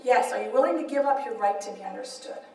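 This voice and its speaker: A woman voicing God as a gentle male presence who asks calm, probing questions. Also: a little high, fast talker, natural voice. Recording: echoey hall, mic far off.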